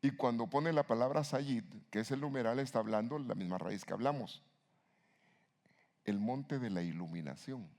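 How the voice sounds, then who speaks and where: Gravelly-voiced man preaching emphatically. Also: mid-range voice, normal speed. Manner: emphatic preaching with sudden loud rises and rhetorical questions. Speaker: pastor. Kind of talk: sermon.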